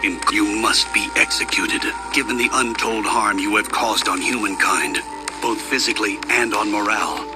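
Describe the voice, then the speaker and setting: Government enforcer, metallic robotic voice, low-pitched, formal commands, game cutscene, clear music behind. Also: male voice, normal speed. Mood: cold. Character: stern adult male government enforcer. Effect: robotic, metallic filter on the voice.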